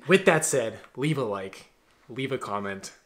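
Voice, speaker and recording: A man in his twenties hosting a relaxed Q&A from a dim bedroom, joking around and giving blunt, direct advice. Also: mid-range voice, measured pace. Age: 20s. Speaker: host. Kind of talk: casual Q&A chat.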